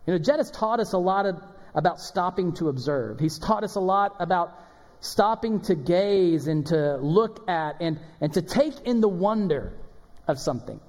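A man in his thirties preaching a sermon as pastor, conversational and story-driven, often dropping to a quiet voice. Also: high voice, lively intonation, moderate pace. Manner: conversational, storytelling with acted quotes and soft drops in volume. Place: church sanctuary. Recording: long hall reverb of a church.

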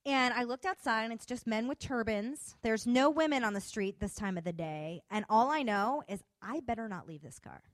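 Animated woman telling a testimony. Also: on the high side, normal speed, hardly any pauses, no room sound. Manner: animated, expressive retelling with quoted dialogue. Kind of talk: personal testimony storytelling.

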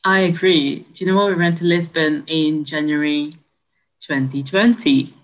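A woman's voice: sits low, normal speed, low-quality recording. A young woman from Hungary, a podcast guest, chatting in an upbeat, friendly way. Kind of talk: casual chat.

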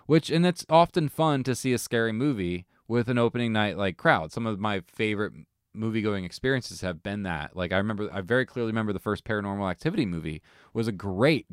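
Brief: young adult male co-host, low smooth voice, dry close sound, rambling animated anecdotes. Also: no room sound. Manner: animated storytelling, swearing, many fillers. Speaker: podcast co-host. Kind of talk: casual chat.

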